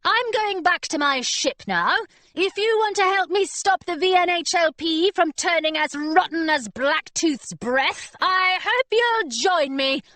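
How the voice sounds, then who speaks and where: A woman voicing a bold young girl pirate captain, speaking high and eager. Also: animated, measured pace, sharp tone, no room sound, exaggerated voice. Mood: earnest.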